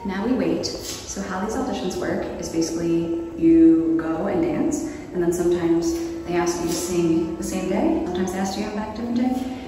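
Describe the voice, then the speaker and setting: A young woman talking casually and brightly into her vlog camera, a professional dancer sharing her day. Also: on the low side, fairly quick, poor audio. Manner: upbeat and chatty. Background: background music.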